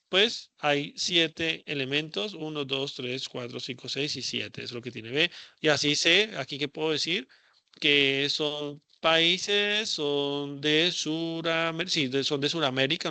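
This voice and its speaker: A man teaches a class in a loose, thinking-aloud way, full of fillers and checking questions. His voice is gravelly and very bright, and the recording is dry and close, with no room sound. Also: mid-range voice, no room sound. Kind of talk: classroom lecture.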